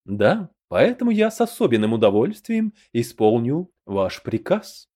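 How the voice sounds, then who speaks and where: A haughty high elf knight speaks with cool, polite menace, voiced by a man reading an audiobook. The tone is dark and mellow, and the lines come slow and deliberate. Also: very animated. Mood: coldly polite.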